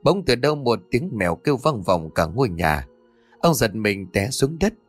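A man's voice: mid-range voice, big pitch swings, moderate pace, husky, no echo, soft background music. A man narrating a scripted horror story as a dramatic storyteller. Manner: dramatic storyteller, voices every character.

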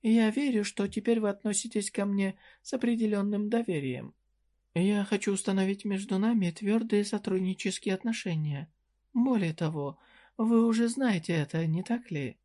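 A woman's voice: medium pitch, moderate pace, mellow, voice pushed up, natural voice. Casting: narrator doing a shrewd fantasy merchant woman, raised voice, teasing and flirty, businesslike. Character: sly cheerful female dungeon merchant, shrewd. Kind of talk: audiobook character reading.

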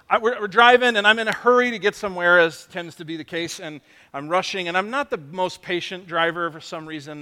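A middle-aged man giving a sermon, his voice pitched high and bright, ringing with a long reverb. He talks conversationally, jokes at his own expense and restarts his phrases often. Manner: conversational, self-deprecating, many restarts. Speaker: pastor.

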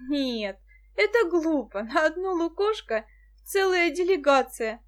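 Shy, earnest young girl read by a woman, high-pitched, audiobook style. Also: lively intonation, measured pace, a bit bright. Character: young girl Musya, shy but firm.

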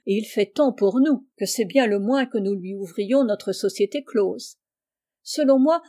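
A woman's voice: fairly high pitch, warm tone, natural voice. A woman voicing a spirited teenage girl who speaks with bold emphasis, read aloud from a storybook.

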